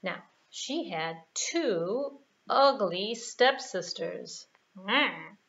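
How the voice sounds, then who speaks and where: A middle-aged American woman, a library puppeteer and storyteller, narrates a children's puppet show in a small indoor room, unhurried and animated with playful asides. Her voice is mid-range and the highs are cut off.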